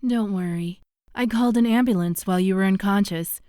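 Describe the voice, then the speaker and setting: A woman voicing a bossy, confident witch in an animated series, brisk and sassy with a commanding manner. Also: mid-range voice, dry recording, clean studio sound, natural voice. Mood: matter-of-fact. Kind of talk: animated web series voice acting.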